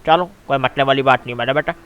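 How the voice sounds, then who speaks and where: A man's voice: mid-range voice, quick pace, clean tone, lo-fi sound. A young man voicing his own role in a game machinima, bantering and teasing in a casual way. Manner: bantering, teasing, calls others "my son". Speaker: machinima voice actor. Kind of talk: role-play narration for a game video.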